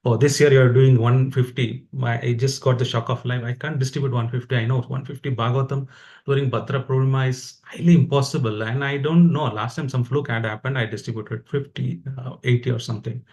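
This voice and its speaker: A man's voice: medium pitch, fairly even intonation, brisk, darkish tone. A man with an Indian accent delivers an informal devotional talk. He exhorts his listeners in a conversational, motivating way, as a fellow practitioner would.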